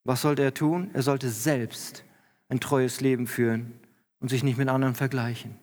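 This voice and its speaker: A pastor with a mid-range, slightly mellow voice preaches a sermon in a church hall at a moderate pace and fairly even intonation. He explains scripture earnestly, raising his voice for emphasis when quoting the text, and the recording carries long church-hall reverb.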